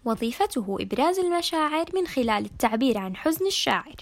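A high-pitched woman reads through a poetry lesson, giving each question and its answer in turn. When she scans the verse she slows down and sounds out each beat with care. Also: sing-song. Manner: slow, careful syllable-by-syllable scansion. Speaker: teacher.

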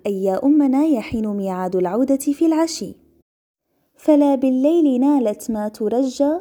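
A woman reading classical poetry aloud in a measured recitation, pausing for short explanatory glosses. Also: a little high, dark tone. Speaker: reader.

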